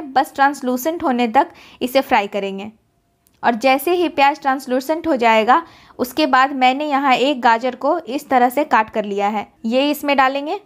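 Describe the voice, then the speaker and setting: High-voiced woman narrating a recipe. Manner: calm, instructive, explains each step. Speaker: cooking channel host. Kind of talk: step-by-step recipe voice-over.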